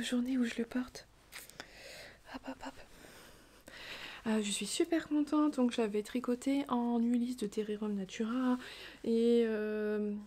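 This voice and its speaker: A woman chatting casually about her knitting projects, rambling with fillers and restarts. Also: fairly high pitch. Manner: hushed, half-whispered talk. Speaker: knitting vlogger. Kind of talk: casual chat.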